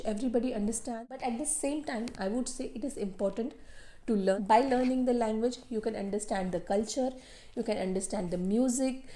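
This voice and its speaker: A woman vlogger speaks to her audience in a casual, informative way, restating her points for emphasis. Her voice sits a little high yet sounds mellow and warm. The room around her is noticeably echoey. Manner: earnest, explanatory, repeats phrases for emphasis.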